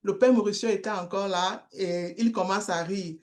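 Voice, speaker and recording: A middle-aged woman giving a testimony, telling a story in a slow, halting way with repeated words. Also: medium pitch, fairly even intonation, a little mellow. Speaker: guest speaker, street-children worker.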